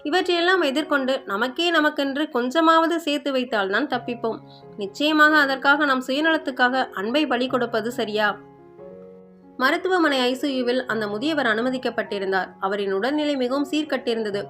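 A woman tells a story at a measured, reflective pace. Her voice sits high and sounds bright and clear. Soft music plays faintly behind her. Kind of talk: storytelling narration.

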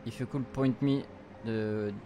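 Speaking slowly with fairly even intonation, a young man in his early adult years gives a mellow, medium-pitched read of game text, translating it into informal slang during a casual let's play. A slight hiss or hum sits under the video game music in the background.

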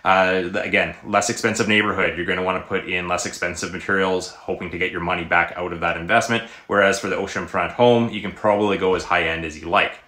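A low-pitched man in his thirties talks straight into a close phone camera, explaining home advice in a plain, matter-of-fact way with some fillers. His tone is bright and forward, and the room rings with a noticeable echo. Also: fairly even intonation, quick pace, few pauses. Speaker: realtor. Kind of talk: direct-to-camera advice video. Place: indoor room, green-screen style background.

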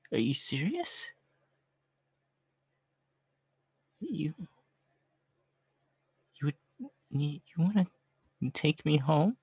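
A man in an ASMR role-play, voicing a shy, homeless young cat-boy who is gentle, hopeful, hesitant and softly polite. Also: fairly high pitch, slightly rough, no echo, exaggerated voice. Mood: flustered, hopeful.

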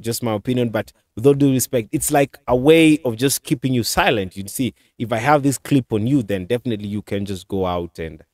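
A man's voice: medium pitch, a little mellow, no room sound. A man in his thirties hosting a commentary show, talking casually with many fillers and restarts into a desk mic in a small studio. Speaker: commentary channel host. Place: small indoor studio with curtain backdrop. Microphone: desk mic on a stand.

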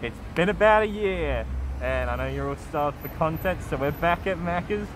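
A man's voice: fairly high pitch, normal speed. A young man talking through a face mask as he hosts a casual food review vlog with upbeat hype. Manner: upbeat, hyping. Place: outdoors near traffic. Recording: noisy outdoor street recording.

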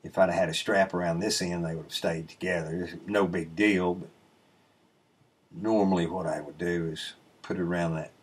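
In laid-back commentary over his sawmill footage, a middle-aged host rambles and explains each step simply, his pauses filled with "um" and "uh." His voice is low and husky. He speaks from his desk into a webcam mic, in an indoor room removed from the sawmill.

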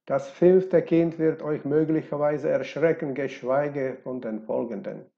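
A man reading the part of a grumpy, knowing old village doctor, gruff and brusque. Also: a little high, steady tone, unhurried, dark tone, muffled recording. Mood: grumbling.

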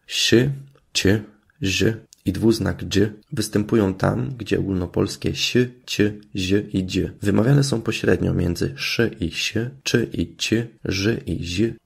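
A man's voice: low voice, fairly even intonation, slow pace, vocal fry, breathy edge. A man from Masuria, Poland, giving a scripted lesson as a channel host, methodical and careful with his pronunciation. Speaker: language educator and channel host. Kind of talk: scripted explanatory narration.

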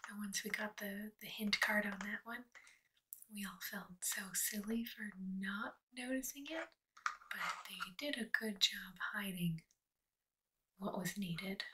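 Woman ASMR host, soft-spoken whisper, very slow, relaxed and chatty; slightly distant mic with light hiss. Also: mid-range voice. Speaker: ASMR creator.

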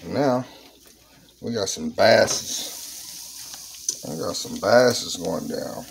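A man's voice: low voice, lively intonation, slow, creaky, a little hiss or hum, poor audio. A man, chatting playfully through a casual home cooking vlog in his kitchen. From Southern United States. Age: 40s. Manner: playful, repetitive exclamations. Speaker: home cook, channel host. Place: home kitchen with countertop fryer.

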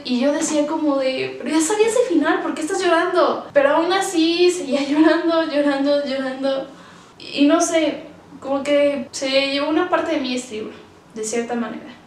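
High-voiced woman chatting about books in an echoey room. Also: a little hiss or hum. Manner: chatty and emotional, many fillers. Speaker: book vlogger. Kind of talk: casual book review vlog. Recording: roomy, distant from the mic.

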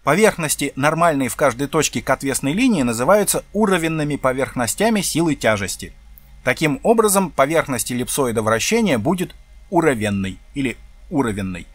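A man's voice: medium pitch, fairly bright tone. A man reading a textbook aloud in a lesson video, breaking off for plain asides and correcting himself as he goes.

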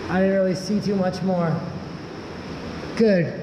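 Filming on a handheld camera, a young man explores a rock cave with running water and narrates in a relaxed, wonder-struck way, exclaiming as he goes. His voice is high and unhurried. Muffled cave echo and loud rushing water fill the recording.

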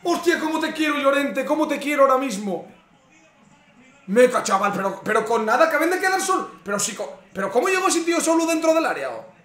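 Exasperated high-voiced Spanish streamer. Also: male voice, sing-song, fairly quick, pushed and bright, faint music behind. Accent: Spain Spanish. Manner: exasperated, swearing at the screen. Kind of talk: live match reaction. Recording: echoey room.

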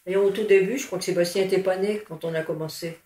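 A woman's voice: lowish voice, fairly even intonation, fast, darkish tone. An older woman, an artist, recalling past work in a chatty, hesitant way with many restarts. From France. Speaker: artist interviewed. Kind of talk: casual recollection. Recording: echoey room, faint noise.

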